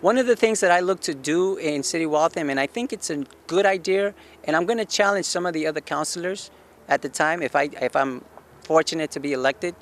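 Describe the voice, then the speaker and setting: A man's voice: a little high, brisk. A man in his forties from Guatemala, a city council candidate giving an earnest campaign statement on an outdoor rooftop deck, posing questions and answering them himself with frequent restarts. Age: 40s.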